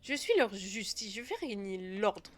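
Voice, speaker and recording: A woman's voice: mid-range voice, measured pace, lightly acted. A woman voicing a cold, self-righteous male hunter with a jumble of put-on accents. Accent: mixed put-on accents.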